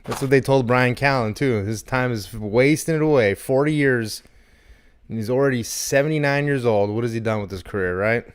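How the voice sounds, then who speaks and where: A man in his thirties co-hosts a comedy podcast, speaking at a medium pitch and moderate pace. He rambles, jokes, and swears a lot in casual chat.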